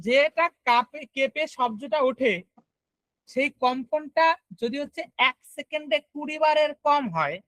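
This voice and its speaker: A man's voice: extremely high pitch, a bit bright, no echo, rough recording. Guy teaching online, keeps asking if you got it, dry close sound. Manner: explains step by step, often checks if students follow. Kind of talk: online class lecture.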